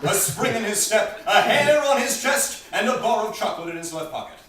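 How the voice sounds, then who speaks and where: A man's voice: high-pitched, animated, brisk. A man reading scripted narration and stage directions for a comedy play. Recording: very noisy, echoey, far from mic, clicks.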